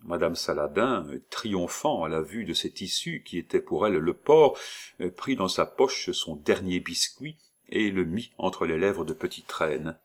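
A man reading a classic novel aloud in a measured storytelling manner. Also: sits low, expressive. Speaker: audiobook narrator. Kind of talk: scripted literary narration.

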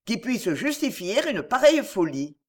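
A woman's voice: mid-range voice, very animated, normal speed. A woman voicing a noble, middle-aged duke who speaks in an emphatic, insistent, earnest way. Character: noble, warm but commanding duke, middle-aged man.

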